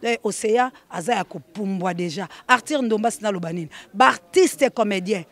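A man with a very high voice runs through on-air dedications and thank-yous. He talks in an animated way and breaks into shouted bursts now and then. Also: normal speed. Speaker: presenter giving shout-outs.

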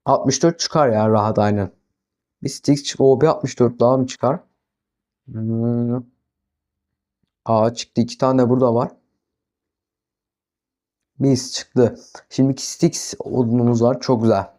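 A man's voice: medium pitch, steady tone, a little slow, long pauses. A young man casually commenting as he plays a farming game, talking to himself and flaring into exasperated outbursts. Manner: talks to himself, flares into exasperated yelling at the animals. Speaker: gaming YouTuber. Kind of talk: casual Minecraft let's-play commentary.

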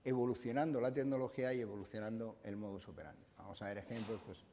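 A man's voice: fairly low pitch, fairly even intonation, fast, dark tone, long reverb tail. An older man giving a conference lecture in a university room, explaining at length with frequent "eh" fillers and restarts. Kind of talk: conference talk.

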